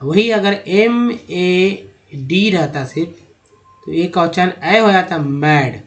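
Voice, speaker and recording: Using slides, a high-voiced male English teacher teaches reading by spelling each word letter by letter and then slowly sounding it out. He addresses his viewers like friends.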